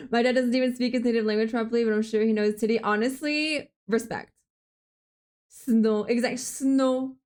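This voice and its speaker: A young woman with a slightly high voice chats playfully with her live-stream audience. She talks quickly and casually into a desk mic, reading chat messages aloud and tossing back jokes. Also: lively intonation, darkish tone. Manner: chatty, playful, quick-talking.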